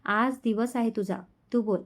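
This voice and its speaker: A tender young husband in a romance story, teasing and affectionate, as a woman reads his lines. The voice sits a little high and keeps an easy, loving warmth in every line. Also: steady tone, normal speed, close to an everyday voice. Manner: affectionate, playful.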